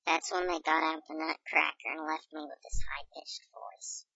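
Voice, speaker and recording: A man telling a comic story through an electronically altered, disguised deep voice, playing an anonymous witness. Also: little pitch movement, normal speed, creaky, pushed and bright, no room sound, muffled recording, exaggerated voice. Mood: deadpan. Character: anonymous male witness hiding his identity. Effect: voice electronically altered to a disguised deep pitch.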